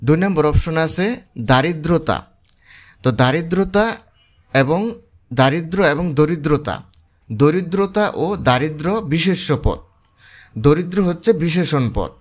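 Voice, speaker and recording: A man with a Bangladeshi accent explaining exam answers as a tutor, walking through examples slowly and steadily. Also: fairly high pitch, expressive. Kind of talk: explanatory lesson.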